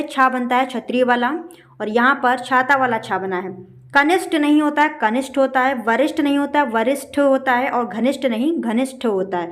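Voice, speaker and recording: A woman teaching a spelling lesson for an exam, going through word after word and dropping her voice when she gives the correct form. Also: fairly bright tone. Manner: explains each word slowly, lowering her voice on the correct answer.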